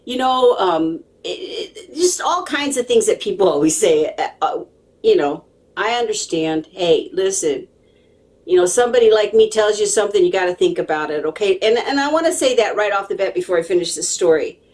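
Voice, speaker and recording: A woman speaks at a moderate pace in a medium-pitched, darkish, animated voice, positioned far from the mic. Her storytelling to camera is casual and chatty, full of emphasis and digressions, and she often pauses to check in with viewers.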